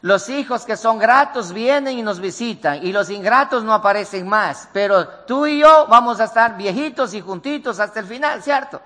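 A man's voice: sits high, expressive, moderate pace, few pauses, sharp tone, in a large hall. A man preaching a sermon with emphatic delivery and repeated rhetorical questions to the congregation.

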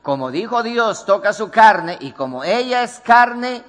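A man's voice: sits high, very animated, unhurried, fairly bright tone, long reverb tail. A man preaching a sermon with emphatic delivery and repeated rhetorical questions to the congregation.

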